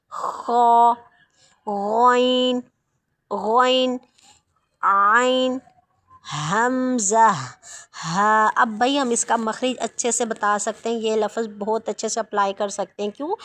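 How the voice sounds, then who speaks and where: A woman with a slightly high voice teaches Quran reading. She chants letter sounds at a slow drilling pace, then explains patiently and reassures her students again and again. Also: fairly bright tone, no room sound. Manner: patient, reassuring, repeats "theek hai".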